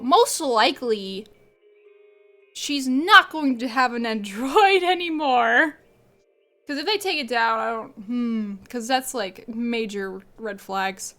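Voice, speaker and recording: Congested from a cold and allergies, a woman rambles and laughs frequently while chatting casually with her stream's viewers. Her pitch is fairly high and a bit bright.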